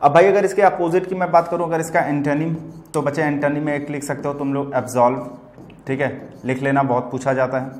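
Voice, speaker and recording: A man's voice: a little high, fairly even intonation, a little fast, darkish tone, echoey room. A man teaching English vocabulary to students in Hindi, explaining patiently and often checking that they follow. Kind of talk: vocabulary lesson.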